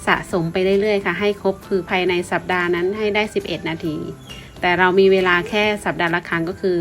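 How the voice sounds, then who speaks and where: A woman's voice: lowish voice, steady tone, quick pace, fairly bright tone, faint music behind. A woman from Thailand talks as a vlogger in a polite, explanatory way, informally and with some repeated words. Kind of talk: informal explanatory vlog narration.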